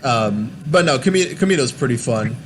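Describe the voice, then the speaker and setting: A man's voice: medium pitch, expressive, moderate pace, background noise. A young man in casual gaming chat, rambling with many fillers and restarts. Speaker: podcast host.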